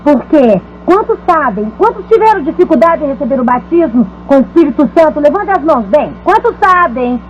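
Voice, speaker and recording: A woman preacher teaching a congregation in a dubbed talk, lively and animated, sometimes chanting repeated words to demonstrate. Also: high voice, fairly quick, few pauses. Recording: dull lo-fi recording with faint hum.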